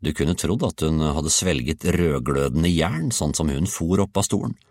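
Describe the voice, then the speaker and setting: Deep-voiced guy reading a kids' story, really animated, dry studio sound. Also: no room sound. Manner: lively, expressive reading. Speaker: audiobook reader. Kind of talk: storybook narration.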